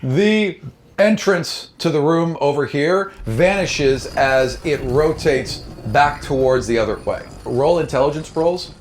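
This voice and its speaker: Over background music, a man acts as game master for a tabletop fantasy game, moving between descriptive storytelling and casual table talk. His voice is a little high and slow, and there's a little hiss or hum on the recording.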